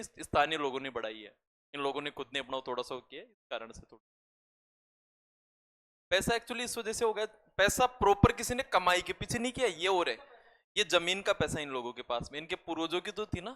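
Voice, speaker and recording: Man, math teacher, classroom lecture, high voice, chatty asides. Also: sharp tone. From Rajasthan, India. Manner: chatty, addresses students as beta, jokes and asides.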